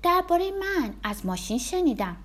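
A woman's voice: very high voice, sing-song, fairly bright tone, voice pushed up, heavily acted. A woman doing an eager little boy. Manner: eager, pleading.

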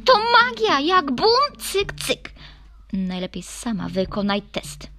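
Woman reading an excitable young girl, pitched up, eager exclamations. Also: slow, faint music behind, exaggerated voice. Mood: lively. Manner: exclaiming, wondering aloud.

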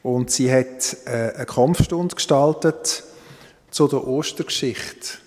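A male pastor, leading prayer and reading scripture in a calm, measured, solemn manner. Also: medium pitch. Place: church. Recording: long church reverb.

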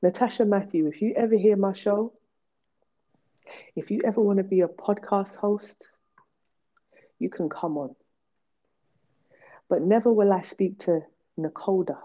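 A woman hosts a podcast and tells a candid story about herself, speaking unhurriedly in a mid-range voice and pausing often. She's forceful and blunt, repeating points to drive them home, over dull lo-fi sound.

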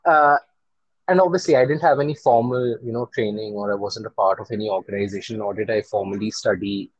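A man's voice: on the low side, fairly quick, no echo, muffled recording. Chatty Indian-accented man in a dry recording. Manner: chatty, switches between English and Hindi. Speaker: interview guest, bakery business founder. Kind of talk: casual conversational storytelling about own business.

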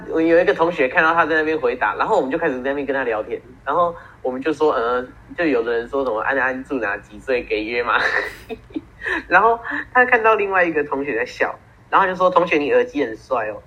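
A teenage boy from Taiwan co-hosts a casual podcast, telling stories and teasing his friend in a slightly high, expressive, bright voice with a brisk, forceful delivery. It's a muffled single-track home recording.

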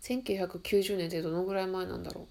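Soft-spoken woman with a stuffy nose. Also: on the low side, fairly even intonation, creaky. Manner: soft, musing, slow and careful when reading. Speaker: podcast host reading a text aloud. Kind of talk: reading a prayer aloud with casual comments.

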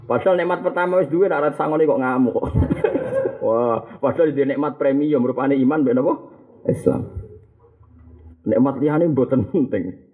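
A man's voice: medium pitch, normal speed, long pauses. A middle-aged man with a Javanese accent giving a humorous sermon on a classical religious text, switching between Javanese and Arabic recitation. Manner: humorous, mixes Javanese, Indonesian and Arabic, laughs often. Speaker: Islamic preacher teaching a classical text. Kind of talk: sermon, kitab study lecture. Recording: tinny phone-like lecture recording.

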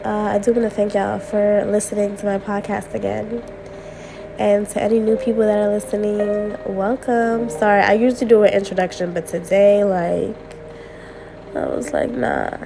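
Late at night, a young woman vents on her personal podcast, speaking openly and repeating herself as she recovers from a cold. She sounds animated, talking at normal speed in a creaky, medium-pitched voice. Music plays behind her.

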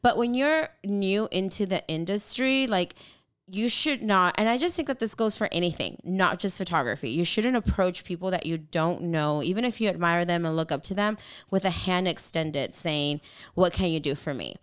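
A woman's voice: fairly low pitch, moderate pace, smooth. A woman photographer talking casually about mentoring and networking, acting out the people she quotes. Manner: animated, mimics whiny voices when quoting people. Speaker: photographer and group organizer. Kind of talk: casual podcast-style chat.

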